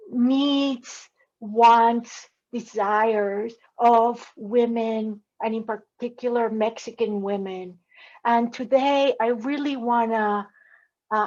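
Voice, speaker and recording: Slow earnest woman from colombia on a panel, lots of ums, kinda dull lo-fi call audio. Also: a little high. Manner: slow, earnest, with many fillers. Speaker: panelist, professor. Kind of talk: academic panel talk.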